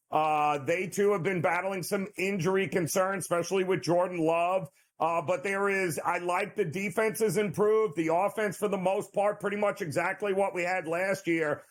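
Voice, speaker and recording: A man co-hosting a sports betting show, talking loosely with many fillers and joking asides. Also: high voice. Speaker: sports betting analyst, co-host. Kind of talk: sports betting analysis chat.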